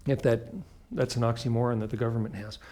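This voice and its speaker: A man's voice: mid-range voice, level tone, fast, mellow. A man giving an instructional talk as a flight instructor, explaining step by step in short, emphatic, clipped phrases. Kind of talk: instructional talk with acted radio call examples.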